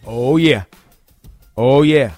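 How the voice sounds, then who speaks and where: A man's voice: mid-range voice, extremely slow, darkish tone. An American man hosting a radio show in casual, slangy, opinionated talk, repeating phrases for emphasis. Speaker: radio morning show host. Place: radio studio. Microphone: close studio broadcast microphone. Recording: dry studio sound over music bed.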